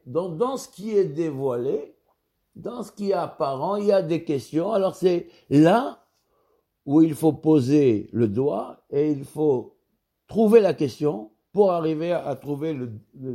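A man giving a religious text lesson as a Torah teacher, explaining in a measured way and repeating key words to drive points home. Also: fairly high pitch, expressive, dark tone.

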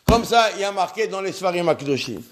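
Fervent rabbi-type teacher, fairly high male voice, stumbles over words and circles back to his points. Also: lively intonation, a bit bright. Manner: impassioned, repeats himself, stumbles and restarts words; sounds out Hebrew syllables slowly. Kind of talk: religious lesson.

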